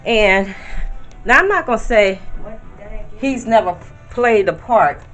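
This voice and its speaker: Speaking slowly in a mid-range, fairly bright voice, a grandmother in her fifties vlogs casually from home with faint music behind her. She rambles in a chatty way, talking right to her audience.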